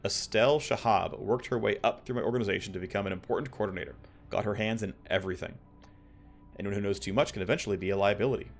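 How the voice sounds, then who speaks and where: A man's voice: on the low side, fairly even intonation, quick pace, gravelly, soft background music. A man reading the game dialogue of a hard, businesslike crime boss, blunt and commanding. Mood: demanding.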